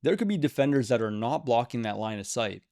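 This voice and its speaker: A man's voice: mid-range voice, lively intonation, fairly quick, creaky, darkish tone, no room sound, clean studio sound. A man giving opinionated commentary to camera on a video game, emphatic and repeating words for stress. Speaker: gaming video creator.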